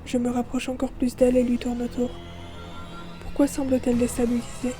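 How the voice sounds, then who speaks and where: A woman narrating a first-person audio fiction in a soft, melancholic way. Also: a little high, monotone, brisk, over music.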